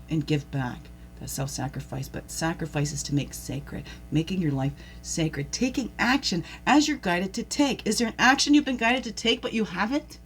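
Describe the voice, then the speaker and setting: A woman's voice: on the low side, a little hiss or hum. A woman hosting a daily spiritual reflection, talking loosely, laughing at herself and asking the listener many questions. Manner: rambling, warm-hearted, laughs at herself, asks the listener questions. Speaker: host of a daily reflection show. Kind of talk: casual spiritual reflection talk.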